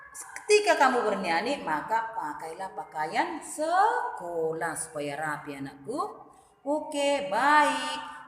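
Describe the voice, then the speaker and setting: A woman primary school teacher giving a recorded lesson, addressing young children in a sing-song, drawn-out teacherly way. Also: on the high side, slight background noise. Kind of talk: recorded online class lesson. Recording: echoey room with long reverb.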